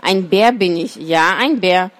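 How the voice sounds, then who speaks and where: A woman's voice: on the low side, measured pace, close to an everyday voice. A woman doing a grumbling big bear.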